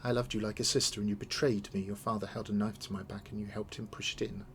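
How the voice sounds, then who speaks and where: A man's voice: fairly low pitch, flat delivery, fast, fairly bright tone, a little hiss or hum. A man voicing a proud, scornful captured villainess from a video game, with the threatening manner of a sputtering foiled villain. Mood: bitter, menacing. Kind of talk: dramatic read-aloud of video game dialogue.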